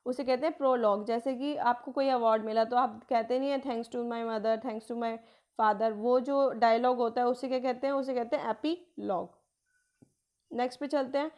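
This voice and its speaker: A woman with a somewhat high voice teaches exam vocabulary. She reads each English phrase out slowly and then explains it at length. She keeps asking a question and then answering it herself. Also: steady tone, darkish tone. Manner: asks and answers her own questions, repeats key words; mixes in English phrases, slowing to read them out. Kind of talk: explanatory lesson.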